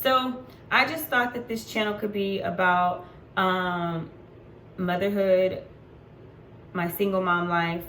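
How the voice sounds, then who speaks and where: A woman's voice: mid-range voice, fairly even intonation, slow, a bit bright. Chatty woman in her forties, echoey room. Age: 40s. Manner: chatty, unfiltered, frequent ums. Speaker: vlogger. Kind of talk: casual personal vlog. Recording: echoey room with faint background noise.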